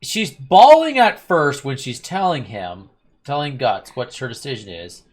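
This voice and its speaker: At a measured pace and in a mid-range, sing-song voice, a man hosts an anime review channel. His casual chat rambles, full of opinions and a sarcastic edge.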